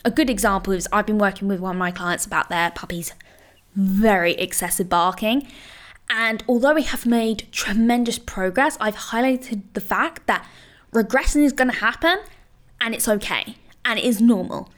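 A woman's voice: mid-range voice, moderate pace. Chatty, reassuring woman dog trainer. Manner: chatty, full of "you know" and "like" fillers; reassuring, encouraging. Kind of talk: casual advice monologue.

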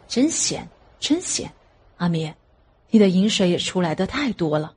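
A woman's voice: on the low side, very animated, moderate pace, a little mellow, breathy edge, voice pushed down, full character voice. A woman voicing a brash, cocky young man, the cheeky second brother.

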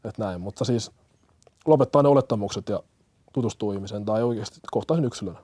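A man's voice: lowish voice, dark tone, breathy edge, no room sound. A young man, a firefighter-paramedic from Kenya, answering interview questions earnestly with many fillers and restarts.

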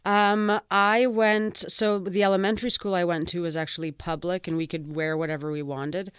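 A woman's voice: fairly low pitch, flat delivery, moderate pace, clear, resonant tone, dry recording, studio quality. A young woman, a fashion designer guest speaking cheerfully and laughing easily. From Canada. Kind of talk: relaxed interview conversation.

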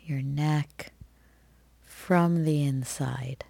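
Soft, soothing phrases separated by long pauses mark this guided meditation, led by a woman speaking very slowly and gently. Her low, mellow voice is gravelly with fairly even intonation, and there is no room sound.

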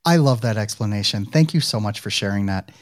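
A man's voice: lowish voice, lively intonation, fairly quick, no echo, studio quality. Casual middle-aged male podcast host. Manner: casual, many fillers like "you know" and "right". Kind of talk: conversational interview.

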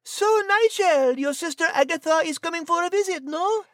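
A woman voicing a prim, gently mocking female cat co-host with a French accent. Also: very high-pitched, animated, normal speed, dry recording, clean studio sound. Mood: sly.

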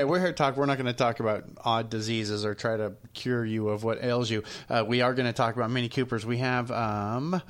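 A man hosting a podcast in a casual, upbeat way, chatting jokily and drawing out announcer-style phrases. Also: medium pitch. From Arizona. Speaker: podcast host.

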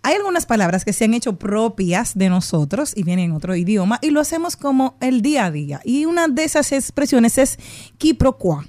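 A woman co-hosts a talk show and explains a phrase patiently. Her voice is a little high and she talks in a chatty way. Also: very animated, fairly quick, a little mellow. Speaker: co-host giving language segment.

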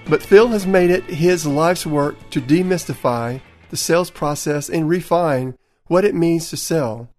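A man's voice: on the high side, unhurried, a little mellow, soft background music. A man with a Southern accent from Tennessee, hosting a sales podcast and interviewing a guest. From Tennessee, USA. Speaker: podcast host.

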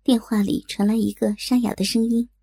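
A woman narrating a first-person audio story in a slow, teasing voice. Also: on the high side, flat delivery, vocal fry, dark tone, husky, no room sound, studio quality.

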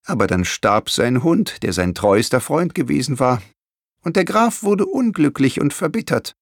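A man voicing a kindly, caring older grandmother in a storybook reading, gentle and sighing. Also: mid-range voice, very animated, normal speed, dry recording, clean studio sound, pitched above the performer's own voice. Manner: gentle, warm-hearted, sometimes sighing.

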